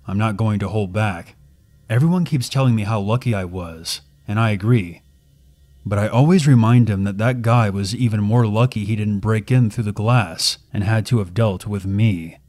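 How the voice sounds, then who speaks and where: A man reading out a true scary story in a grave, measured storytelling manner. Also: on the low side, a little mellow, no room sound. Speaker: horror story narrator. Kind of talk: scripted narration. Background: faint background music.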